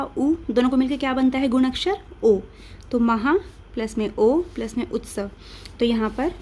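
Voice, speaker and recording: A woman's voice: fairly high pitch, darkish tone, slight background noise. An Indian woman teaching grammar, patiently asking and answering her own questions step by step. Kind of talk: classroom-style explanation.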